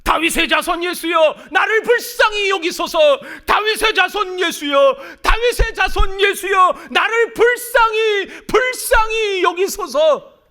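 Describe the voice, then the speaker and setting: A male pastor voicing a desperate blind beggar who cries out for mercy in long, shouted pleas. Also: very high-pitched, voice pushed up, exaggerated voice. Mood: desperate pleading. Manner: shouting, drawn-out pleading cries.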